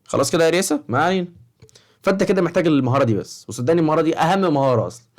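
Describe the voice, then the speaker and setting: A young man with an Egyptian Arabic accent, talking to high school students in a casual, rambling vlog and often checking in with the viewer. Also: animated, racing. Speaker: study-advice vlogger for high school students.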